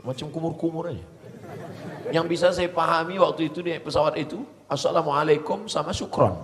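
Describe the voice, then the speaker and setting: A middle-aged man preaching to students, telling stories in a lively, humorous, animated way. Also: on the high side, a little fast, slight background noise. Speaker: Islamic preacher. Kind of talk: sermon to students. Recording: long hall reverb.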